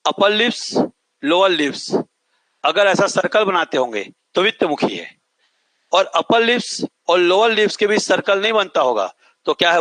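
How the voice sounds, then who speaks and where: A male teacher lectures with a high, bright voice. He poses questions and repeats the answers so the class can echo them, and sometimes draws vowels out long. The sound is close and dry. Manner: repeats each point and asks the class to echo it back; stretches out vowels to show their length.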